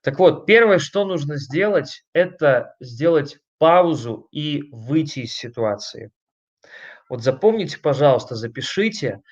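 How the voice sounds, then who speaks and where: A man's voice: fairly high pitch, lively intonation, unhurried. Man lecturing emphatically on a dull recording. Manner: emphatic, conversational, addresses listeners directly with frequent rhetorical questions. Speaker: lecturer on family communication. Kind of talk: online webinar lecture.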